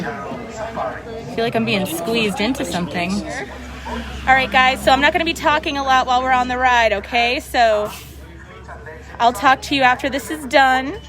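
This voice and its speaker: A woman chatting casually and with amazement to viewers as she vlogs on a walk. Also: on the high side. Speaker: vlogger and podcast host. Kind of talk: casual walk-along vlog chat. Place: outdoors in a theme park queue.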